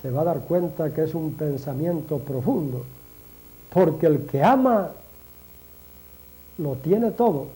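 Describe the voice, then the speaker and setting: A man giving a reflective sermon, speaking slowly and deliberately, repeating phrases for emphasis and addressing listeners directly as friends. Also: fairly high pitch, lively intonation, mellow, rough recording. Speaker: religious speaker.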